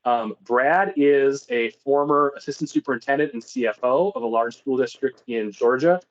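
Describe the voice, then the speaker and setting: A man's voice: medium pitch, normal speed. Man presenting conversationally on muffled audio. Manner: explanatory, conversational. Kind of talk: informal webinar business presentation.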